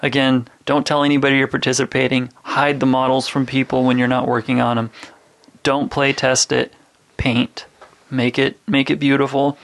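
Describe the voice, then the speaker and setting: A man's voice: medium pitch, flat delivery, normal speed, creaky, fairly bright tone. A laid-back man co-hosting a gaming podcast and promoting an event he organizes. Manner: laid-back, laughs often. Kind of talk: casual podcast chat.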